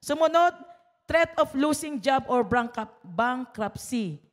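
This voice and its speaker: Woman pastor, somewhat high voice, chatty sermon full of tag questions, heard with hall reverb. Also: expressive, slow pace. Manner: conversational preaching, often adds tag questions.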